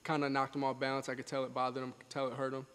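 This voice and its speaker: A man's voice: mid-range voice, monotone, very fast, fairly bright tone. An eighteen-year-old man, a boxer, chatting casually in an interview, confidently explaining things step by step and repeating phrases as he goes. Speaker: professional boxer being interviewed. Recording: echoey hall, faint background noise.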